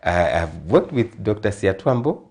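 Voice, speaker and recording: This guest consultant on a televised interview is a middle-aged man with a Zambian accent and a lowish voice, talking at a moderate pace. His earnest tone builds into something more emphatic and animated.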